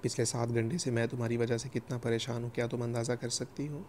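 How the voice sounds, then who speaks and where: A man's voice: mid-range voice, little pitch movement, a little mellow, a little hiss or hum, natural voice. A man voicing a worried young husband who speaks earnestly and pleadingly.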